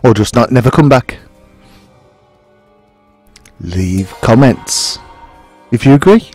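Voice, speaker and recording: A man's voice: medium pitch, lively intonation, slow, a little mellow, husky, soft background music. A man doing sarcastic, rambling let's play commentary. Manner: sarcastic, rambling and self-mocking. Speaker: gaming commentator.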